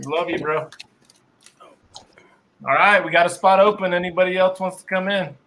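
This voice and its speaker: This is a man co-hosting a live stream, with a high, bright and forceful voice. He greets guests and keeps the chat moving in an upbeat way. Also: fairly even intonation, moderate pace. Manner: upbeat, welcoming. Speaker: stream co-host.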